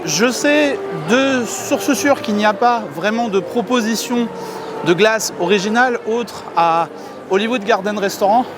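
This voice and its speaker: A middle-aged man with a high, slightly slow voice chats to his viewers as if they were friends while walking through a theme park for his vlog. It's filmed on a handheld camera, with an outdoor crowd and faint music behind him.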